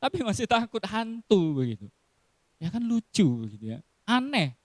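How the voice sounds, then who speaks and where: A man's voice: high-pitched, sing-song, moderate pace, a little mellow, no echo. A man giving a casual sermon in style, telling stories with acted quotes and frequent laughs. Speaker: preacher.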